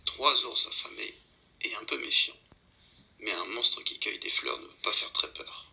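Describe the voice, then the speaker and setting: A man narrating a children's storybook, speaking directly to the story's heroine in a gently scolding way. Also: on the low side, expressive, moderate pace, creaky, rough recording.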